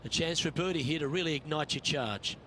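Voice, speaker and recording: A man's voice: fairly high pitch, fast, a little hiss or hum, poor audio. A man speaking as a golf commentator, giving play-by-play as the lead announcer of a tournament broadcast. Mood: composed. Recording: loud crowd and outdoor ambience behind.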